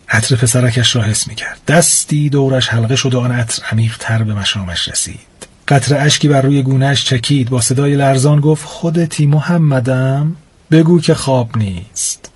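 A man reading a scripted story in a calm, emotive storytelling voice. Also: mid-range voice, breathy edge. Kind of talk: scripted narration. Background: faint music.

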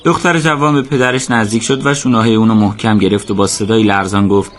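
A man narrates a radio drama in a steady, measured way. His voice sits fairly low, and he keeps an even storyteller's pace.

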